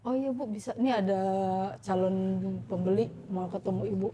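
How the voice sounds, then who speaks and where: Mellow-voiced woman telling her story. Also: medium pitch, fairly quick, slight background noise. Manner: animated, acts out her own past words and prayers. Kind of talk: emotional personal storytelling.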